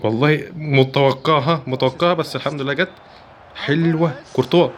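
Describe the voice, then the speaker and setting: A man with an Egyptian Arabic accent giving excitable commentary while playing a football video game, chanting player names in quick bursts. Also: fairly high pitch. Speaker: gaming YouTuber. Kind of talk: live gameplay commentary.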